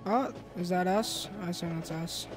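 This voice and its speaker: A woman hosting a gaming video, giving rambling, excitable let's play commentary. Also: fairly low pitch, moderate pace, over music.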